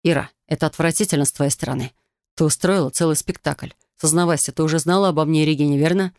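A woman's voice: low voice, fast, darkish tone, no room sound. Woman doing a cold contemptuous husband for an audiobook, blunt, dry close sound. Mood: accusing. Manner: blunt and scornful. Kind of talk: audiobook character voice.

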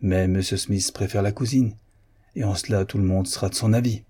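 A man's voice: lowish voice, steady tone, brisk, dark tone, breathy edge. A man reading a cheeky young man's lines in a period novel, in a mocking, teasing manner.

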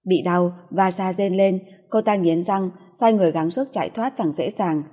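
A woman reads a story aloud in a steady, even manner. Her voice is low, mellow and breathy. A long reverb lingers behind each sentence. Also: moderate pace. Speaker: audiobook narrator. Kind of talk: scripted narration.

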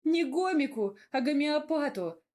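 A woman playing a pert, teasing young heroine, pitched up. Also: normal speed, close to an everyday voice. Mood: playful. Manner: bright, raised, teasing delivery. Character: playful, sharp-tongued young heroine.

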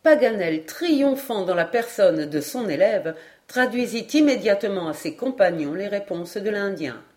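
A woman narrating a classic adventure novel as an audiobook reader, clear and measured. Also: medium pitch, animated, warm tone.

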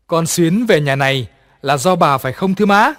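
A cruel, two-faced young daughter-in-law, put on by a male narrator gives sharp, bossy orders in an audio horror story. The voice is pushed higher than his own, with a long reverb behind it. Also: moderate pace, close to an everyday voice. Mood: menacing.

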